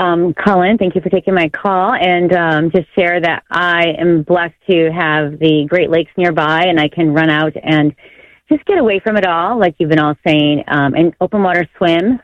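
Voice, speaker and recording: A woman's voice: lowish voice, no echo. A woman from Michigan calling in to a radio show over the phone, talking casually and hesitantly with many ums. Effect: caller heard over a phone line. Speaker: caller. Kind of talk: casual call-in chat. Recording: dull lo-fi phone line.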